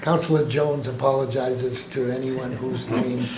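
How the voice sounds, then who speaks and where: A man chairing a town council meeting, running motions and votes in a brisk, genial procedural way. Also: mid-range voice, level tone. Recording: echoey council chamber with background noise.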